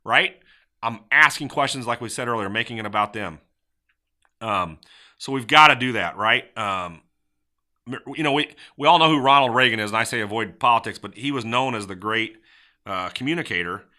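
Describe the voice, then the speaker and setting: With a mid-range voice and moderate pace, a middle-aged podcast host shares casual motivational advice about sales. He's animated and performs sample lines in varying tones.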